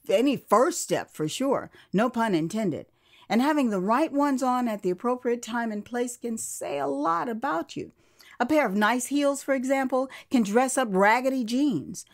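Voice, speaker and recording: Her fairly high voice carries a first-person memoir performed as dramatic audio; she is a woman from the United States. She elongates words for emphasis and chats in little asides as she goes.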